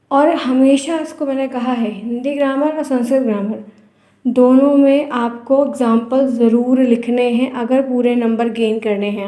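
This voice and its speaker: A woman's voice: sits high, warm tone, reverberant. A woman teacher giving a patient exam-prep grammar lesson, repeating her points and checking that students follow.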